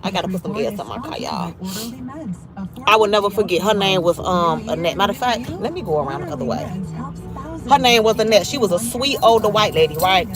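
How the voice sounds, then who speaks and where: A woman's voice: mid-range voice, expressive, a little fast, music in the background. A woman in her thirties from Chicago with a Chicago accent, chatting bluntly and profanely on a livestream while she drives, reading viewers' comments aloud. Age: 30s. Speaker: livestreaming vlogger. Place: in a car.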